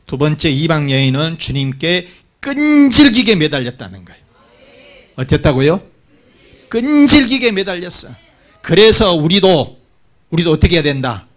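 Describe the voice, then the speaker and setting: A man preaching a sermon as pastor, telling the story with animated energy and calling for amens. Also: a little high, moderate pace. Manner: animated storytelling, acts out quotes; calls for amens from the congregation.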